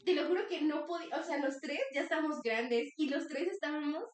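A young Mexican woman with a high voice tells a story animatedly on a casual podcast. She acts out the voices as she goes. The sound is roomy and picked up from a distance. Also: a little fast. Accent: Mexican Spanish. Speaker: podcast co-host.

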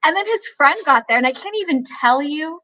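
A young woman tells a story in a chatty, animated way over a video call, filling her talk with "like". Her voice is bright and a little high. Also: a little fast, dull audio. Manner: chatty, fillers with "like". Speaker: guest actress.

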